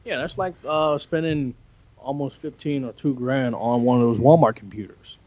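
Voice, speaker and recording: A man's voice: medium pitch, moderate pace, a little mellow, dry recording, highs cut off. A man co-hosting a casual podcast chat, joking and teasing. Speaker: podcast co-host.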